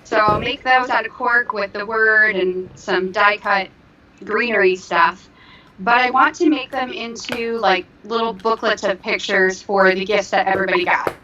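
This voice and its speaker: A woman's voice: mid-range voice, normal speed, slight background noise. A woman co-hosting a casual livestream chat, easygoing and chatty, her voice echoey over a remote call. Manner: easygoing, chatty, with soft laughs. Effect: echoey sound reported by viewers. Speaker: livestream co-host, crafter. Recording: echoey, dull online call audio.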